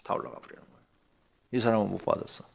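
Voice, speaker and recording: A pastor giving a dawn sermon, telling a story in a lively way that swings from hushed asides to loud bursts. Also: male voice, rapid-fire. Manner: animated, swings from hushed to shouting.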